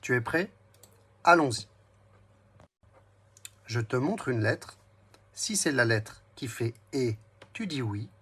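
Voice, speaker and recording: Slow, patient man teaching children to read. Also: medium pitch, lively intonation, a bit bright, husky. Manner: speaks slowly, splits words into syllables. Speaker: reading teacher for young children. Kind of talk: slow, patient reading lesson addressed to a child.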